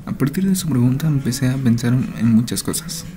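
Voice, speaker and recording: A man's voice: mid-range voice, expressive, a little fast, dark tone, soft background music. A man reads a horror story aloud, reacting with nervous jokes and often dropping to a whisper. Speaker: channel host.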